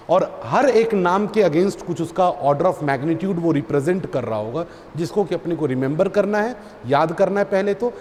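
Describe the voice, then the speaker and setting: A high-voiced male physics teacher, slightly mellow in tone, drills his students during a classroom lecture, repeating terms and calling them "beta". The recording has long reverb and faint background noise.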